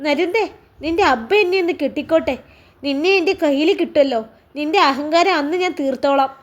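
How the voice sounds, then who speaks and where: A woman's voice: high-pitched, fairly quick, natural voice. A woman reading a spiteful, jealous young woman in a spoken story, sneering and complaining. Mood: scornful.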